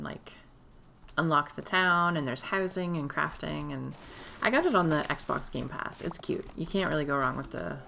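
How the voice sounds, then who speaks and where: A woman streamer, hoarse and losing her voice, chatting casually while playing a game at home. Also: sits low, a bit bright, a little hiss or hum. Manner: chatty, rambling, self-interrupting. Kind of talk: casual live gameplay commentary. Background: game music.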